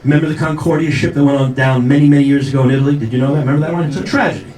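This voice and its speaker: A man's voice: mid-range voice, very fast. A middle-aged man doing a brash, rambling, self-mocking stand-up comedy set. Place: live comedy show venue. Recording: roomy live venue, distant mic, loud noise.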